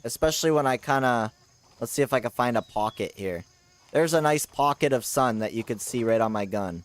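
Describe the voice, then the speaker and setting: A man streaming a shooter game live, chatting casually and rambling with slang, with sudden loud outbursts of surprise. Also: mid-range voice, expressive, fairly quick.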